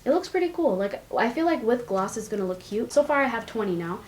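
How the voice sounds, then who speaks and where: A woman's voice: fairly high pitch, sing-song, fast, darkish tone, reverberant, low-quality recording. A young woman vlogging casually at home, chatty and rambling, with giggly asides, recorded on a compact camera's built-in mic. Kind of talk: casual chat. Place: indoors at home, her room.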